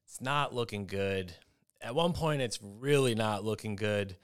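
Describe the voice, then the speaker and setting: A young adult man hosting a casual sports betting talk show, telling stories in an animated, excitable way. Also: lowish voice, a little slow, clean tone. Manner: animated storyteller, excitable, mimics shouting. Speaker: host.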